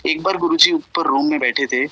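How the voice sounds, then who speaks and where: A man's voice: a little high, brisk, pushed and bright, no room sound, dull audio. A man telling devotional stories to a gathering in an earnest, flowing way, often quoting others in Punjabi-tinged speech. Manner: earnest retelling, mixing Punjabi and Hindi quotes. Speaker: satsang speaker sharing devotee stories.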